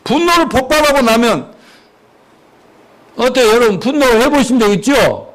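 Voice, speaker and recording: A man with a notably high voice preaches in church with plenty of animation. He quizzes the congregation with quick questions and acts out the angry outbursts he warns against. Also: lively intonation, a bit bright. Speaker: pastor. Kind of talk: sermon.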